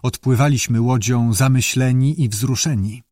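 A man narrates a scripted audiobook in an expressive storytelling style. His mid-range voice moves at normal speed, recorded at studio quality with no echo.

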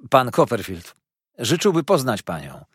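Man doing a chill amused young gent in an audiobook, mid voice, a bit husky. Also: medium pitch, huge pitch swings, a little slow, no room sound, clean studio sound, exaggerated voice.

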